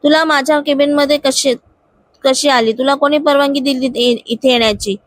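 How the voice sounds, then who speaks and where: A curt, irritated male boss who brushes people off, as a woman narrator puts him on. Her voice stays high and the sound is dry and close, like a storybook read at home. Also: fairly even intonation, moderate pace, no room sound, lightly acted.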